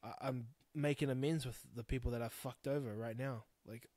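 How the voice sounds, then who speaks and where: Speaking fast and fairly evenly, this thirtysomething New Zealand man hosts his podcast alone in a dry recording. His mid-range voice has a darkish tone, and he rambles frankly and bluntly, swearing freely.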